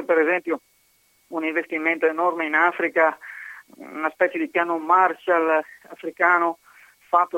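A woman's voice: low-pitched, dry recording. A woman from Padua phoning in to a radio show, making an earnest, hesitant argument with fillers and restarts. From Padua, Italy. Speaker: caller. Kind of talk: call-in commentary. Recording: tinny phone line.

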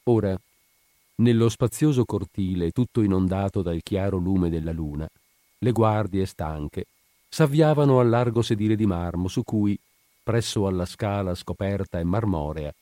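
A man narrating a story in a measured, literary reading style. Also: on the low side, dark tone, no room sound, studio quality. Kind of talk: scripted narration.

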